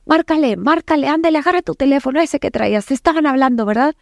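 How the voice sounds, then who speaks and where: A woman mimicking a furious, jealous wife who yells commands at a stranger she attacks. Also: lowish voice, unhurried, vocal fry, no echo, studio quality. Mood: aggressive. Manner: yelling, commanding.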